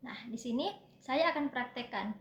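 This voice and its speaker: A woman's voice: a little high, normal speed, fairly bright tone, reverberant, muffled recording, a little hiss or hum. A young woman giving a classroom presentation on public speaking, explaining step by step and demonstrating vowels and breathing aloud. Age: young adult. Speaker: student presenter.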